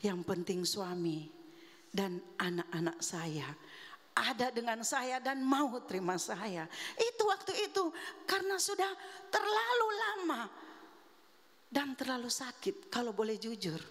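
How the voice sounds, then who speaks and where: A middle-aged woman delivers a sermon testimony in an earnest, confessional way, speaking straight to the congregation. Her voice sits fairly high. The sound carries a long reverb from a church hall. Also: very animated, measured pace, fairly bright tone. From Manado, Indonesia. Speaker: guest preacher. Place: church sanctuary.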